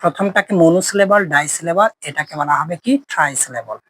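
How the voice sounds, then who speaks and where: A man's voice: on the high side, a little fast, fairly bright tone, no echo. A male teacher giving a grammar lesson, asking his students questions, answering them himself, and spelling words out letter by letter with many "ah" fillers. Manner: frequent "ah" fillers, mixes English words into Bengali. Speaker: English teacher. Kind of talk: classroom lesson.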